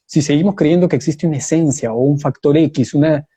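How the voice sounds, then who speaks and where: A man whose voice is on the high side, mellow and slightly rough takes part as a guest in a live online debate by video call. Measured and explanatory, he sets out his view one step at a time using examples.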